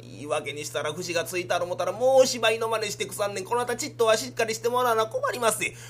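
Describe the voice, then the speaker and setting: A man's voice: high-pitched, animated, fast, fairly bright tone. Man playing a grumbling old Kansai merchant father. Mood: scolding. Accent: Kansai Japanese. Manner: scolding, exasperated. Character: grumbling older male merchant, fretful father. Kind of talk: rakugo storytelling.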